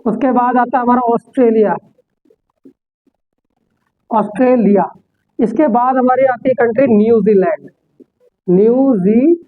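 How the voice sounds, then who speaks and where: A man's voice: extremely high pitch, fairly quick, few pauses. Man teaching in a tinny, phone-like recording. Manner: explains step by step and answers his own rhetorical questions. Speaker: English teacher. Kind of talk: classroom lecture.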